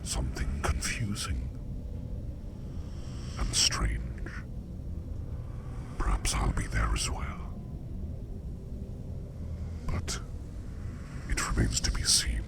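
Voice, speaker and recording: In an ASMR roleplay, a man plays a curious, courteous sleep demon, whispering in a breathy, gravelly bass. His phrasing is formal, measured and reassuring, with a sing-song, heavily acted quality and a calm, polite mood.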